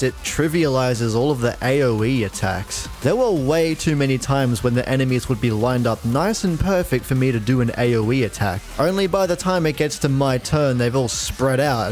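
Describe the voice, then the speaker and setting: A man's voice: mid-range voice, a little mellow. A young man narrating a casual scripted video game review in a slangy, profane, dryly joking way. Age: young adult. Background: faint music.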